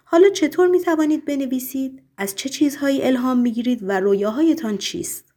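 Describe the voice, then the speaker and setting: A woman's voice: sits high, warm tone, pitched above the performer's own voice. A woman voicing a commanding male devil in an audiobook, speaking with disdain and authority. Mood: probing.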